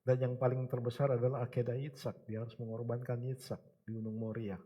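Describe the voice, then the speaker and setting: A middle-aged man from Indonesia preaching a sermon with a personal testimony, emphatic with the congregation and soft when recounting hardship. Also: mid-range voice, little pitch movement. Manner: emphatic, calls out to the congregation, then soft and halting while telling of hardship. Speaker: church elder preaching.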